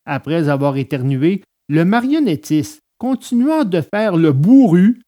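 Man narrator, storybook reading, animated, lively pitch. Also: a little slow.

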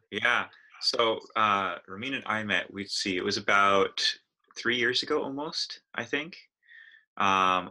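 A podcast host with a lowish voice introduces his guest in a casual interview, warm but hesitant and filling gaps with many "uh"s. The audio quality is poor.

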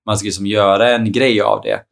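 A man talks in a relaxed, easy way in a casual chat. His voice sits a little low, and his sentences are full of loose filler words. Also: creaky. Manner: relaxed, chatty, many fillers like "liksom" and "typ".

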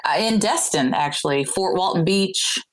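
Low-voiced woman telling a rambling story. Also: expressive, normal speed, rough recording. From Texas. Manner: rambling, with many restarts and fillers. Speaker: guest, singer-songwriter. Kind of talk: casual interview storytelling.

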